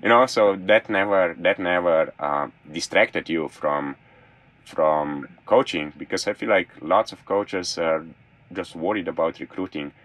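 Young man, from Slovenia, non-native speaker, very deep voice, enthusiastic, casual video call. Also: measured pace, a bit bright. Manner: enthusiastic, restarts sentences often. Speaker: guest, former college thrower. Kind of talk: casual interview chat. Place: small room in a camper van.

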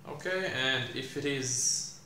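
Slow, thinking-aloud young man coding. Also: medium pitch, bright, forceful tone. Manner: thinking aloud, many fillers and pauses. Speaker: programming tutor. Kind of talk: live coding explanation. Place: small room indoors. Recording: echoey room, faint hiss.

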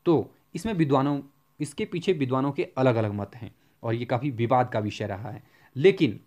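A man delivers an exam-prep lecture on Hindi grammar, frequently posing a question and answering it himself and slowing down to spell out examples. His voice is mid-range and a little mellow.

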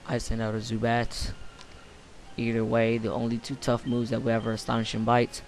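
Tired young man, gravelly flat voice. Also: mid-range voice, moderate pace, a little hiss or hum. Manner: rambling, offhand, many fillers. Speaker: gameplay commentator. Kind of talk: casual let's-play commentary. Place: home room, late night.

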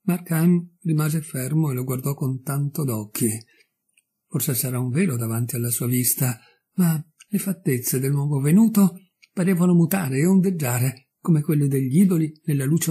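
A man reads a literary tale aloud with measured, expressive pacing. His voice is mellow and dark with a husky grain. He narrates like a dedicated audiobook reader. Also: medium pitch. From Italy. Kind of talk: dramatic literary reading.

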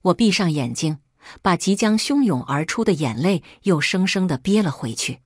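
A woman narrating a first-person story in a steady, scripted reading. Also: lowish voice, moderate pace, no echo, clean studio sound.

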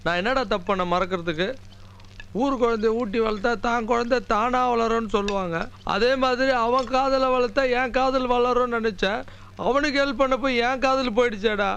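A man's voice: very high voice, normal speed, a bit bright, smooth. An actor playing a heartbroken young man complaining self-pityingly about his lost love, in a film comedy.

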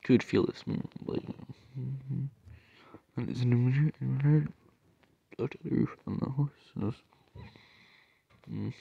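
A young man reading fan-made stories aloud, stumbling and halting with asides, over faint background noise. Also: medium pitch, vocal fry, dark tone, breathy edge, dry recording, dull audio.

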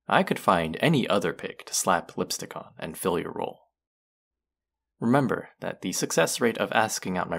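In an audio roleplay, a male actor plays a condescending, smug young college guy hoping to join a rich club, using a very deep, exaggerated voice with gravelly fry and a slightly bright edge. He drawls straight at the listener with haughty, sardonic smugness.

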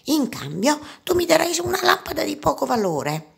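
A sly old prisoner, as a woman reads his lines, coaxing and persuasive and pitched a little high. A storybook stranger tempting the hero with treasure. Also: sing-song, moderate pace, creaky, fairly bright tone, full character voice.

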